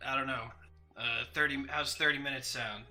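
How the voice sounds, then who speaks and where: A man voicing a grumpy, impatient old male orc dockmaster who talks gruffly. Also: medium pitch, steady tone, normal speed, sharp tone. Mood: dismissive. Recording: mic cutting in and out, faint music.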